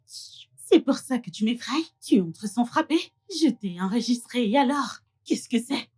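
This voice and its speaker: A woman's voice: fairly high pitch, lively intonation, unhurried, darkish tone, husky. An actress dubbing a scheming, scornful young woman in a French-language film drama. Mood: accusing. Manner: scornful, needling. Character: scheming, contemptuous young woman, Zaid's girlfriend.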